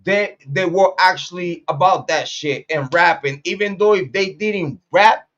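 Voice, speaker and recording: A blunt, profane man in his late forties from Puerto Rico hosts a street commentary monologue. His voice sits high for a man, and he hammers points home by repeating them. The sound is dull and lo-fi. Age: 40s. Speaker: commentary channel host.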